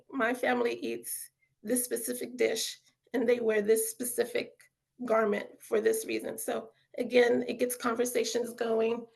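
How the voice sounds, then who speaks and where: In a relaxed webinar, a woman who is an author and educator talks upbeatly about children's learning, chatty and peppering her speech with "you know" and "um." Her voice is slightly high, with vocal fry.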